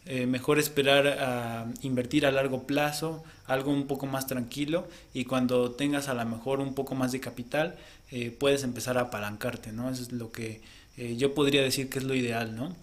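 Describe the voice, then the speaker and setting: A man's voice: mid-range voice, fairly even intonation, normal speed. A man co-hosting a casual podcast, explaining at length and often ending points with a questioning tag. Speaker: podcast co-host.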